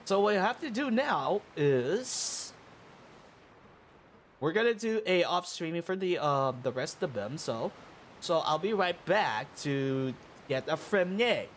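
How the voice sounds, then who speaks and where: A man streaming his game rolls in casual commentary, halting and rambling between excited bursts, with a morning voice. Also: on the high side, slight background noise. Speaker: gaming streamer. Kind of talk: casual gacha-roll commentary.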